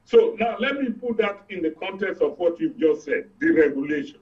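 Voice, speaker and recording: Speaking with a Nigerian accent, a man offers his opinions as a guest in a political discussion, stressing his explanations and repeating points for effect. He has a high-pitched, animated voice at normal speed, and the studio recording is dull and distant.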